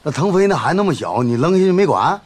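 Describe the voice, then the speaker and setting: An actor playing a measured, reproachful village man with a Northeastern Mandarin accent. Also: on the high side, very animated, slight background noise.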